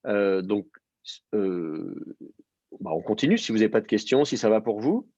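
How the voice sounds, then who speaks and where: A man's voice: on the low side, expressive, normal speed, warm tone, no echo, lo-fi sound. A man teaching a language class, explaining step by step and quizzing his student. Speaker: Hebrew teacher. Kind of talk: live class instruction.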